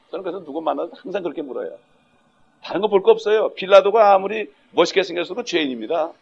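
A male pastor preaching a sermon emphatically, often breaking in with a questioning "eh?" to the congregation. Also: on the high side. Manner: emphatic, punctuates with rhetorical "eh?". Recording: dull lo-fi sound.

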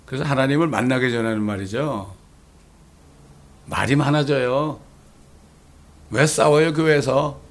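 A man's voice: medium pitch, measured pace, long pauses. A man preaching a sermon as pastor, with rhetorical questions and dramatic quoted lines. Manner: preaching with dramatic voiced scripture quotes and English phrases.

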